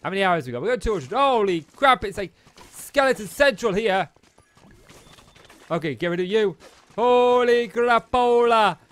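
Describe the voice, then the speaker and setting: A man giving chatty, excitable gameplay commentary and taunting the enemies on screen. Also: high voice, moderate pace, long pauses. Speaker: let's play host.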